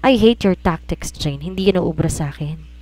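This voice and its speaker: A woman's voice: fairly low pitch, expressive, normal speed. A woman voicing an angry, drunk young man who coldly pushes a woman away in an audio romance story. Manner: cold, cutting, shouting.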